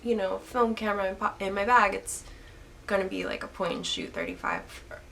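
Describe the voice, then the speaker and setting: A woman's voice: mid-range voice, huge pitch swings, fairly quick, creaky, fairly bright tone, slight background noise. A young woman with a stuffy voice, just getting over an illness, answering viewer questions about photography in a casual vlog, full of "like" and restarts. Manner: rambling, lots of "like" and restarts. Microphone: camera's built-in mic.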